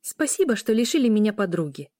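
A woman's voice: fairly high pitch, lively intonation, moderate pace, a little mellow, dry recording, clean studio sound, voice pushed up, natural voice. A woman doing a snappy, indignant young woman. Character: impulsive young woman, sharp-tongued niece.

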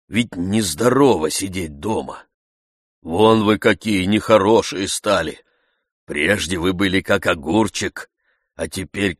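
A timid old manservant, as a man reading aloud puts him on, grumbling and pleading in humble mutters. The voice sits low and the sound is dry and close. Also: no room sound. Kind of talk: audiobook reading.

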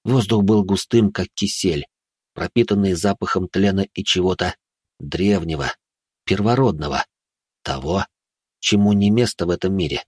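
A man with a low, husky voice narrates a dark story in a hushed, ominous tone. The recording is dry and close, with no room sound. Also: normal speed, pauses often, dry recording. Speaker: audiobook narrator.

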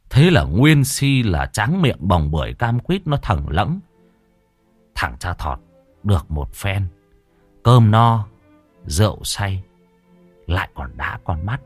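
A man telling a comic folk ghost story in a lively, colloquial way. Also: on the low side, unhurried, pauses often, breathy edge, no room sound, soft background music.

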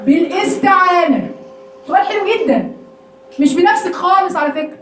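Egyptian woman, high fast voice, religious teacher for a women's class, echoey room. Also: slight background noise. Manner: lively, acts out voices and prayers, rhetorical questions. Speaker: Quran teacher.

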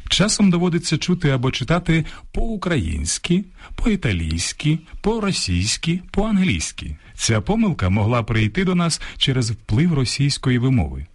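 Animated, husky male radio host. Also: mid-range voice, faint music behind. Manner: measured, didactic, very lively intonation. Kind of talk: scripted radio talk on language.

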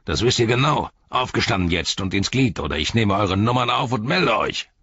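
A man's voice: a bass voice, animated, normal speed, gravelly, fairly bright tone, slightly rough, no echo, highs cut off, full character voice. A man voicing a brutal male orc slave driver who barks orders and sneers, in an audiobook. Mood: barking threats. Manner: barking, sneering. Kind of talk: audiobook character voice.

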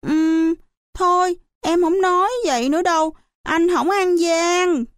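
A woman reading an audiobook, voicing a timid little girl who pleads in a high, whiny voice. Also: unhurried, no room sound. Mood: pleading.

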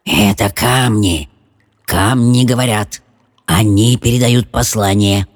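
A man voicing a strange, secretive little cave creature who speaks softly, almost in a whisper, in an audiobook reading. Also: lowish voice, slow, dry recording, clean studio sound. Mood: hushed, mysterious. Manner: soft near-whisper.

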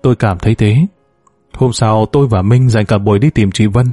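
A man calmly reading a first-person story aloud, voicing every character in his own even tone. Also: lowish voice, normal speed, no room sound, soft background music. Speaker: audiobook narrator.

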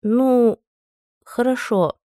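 A woman's voice: on the high side, drawn-out words, dark tone, no echo, clean studio sound, pitched above the performer's own voice. A woman voicing an earnest, dutiful young prince who speaks politely and hesitantly.

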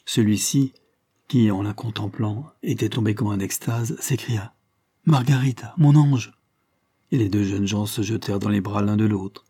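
A man reading a historical novel aloud as narrator, measured and literary. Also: on the low side, steady tone, mellow, breathy edge, no room sound, clean studio sound.

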